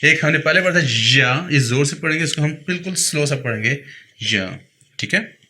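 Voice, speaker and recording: Bright-voiced man teaching sounds. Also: a little high. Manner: patient, repeats each sound slowly for the learner. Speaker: pronunciation teacher. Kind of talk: explaining a lesson.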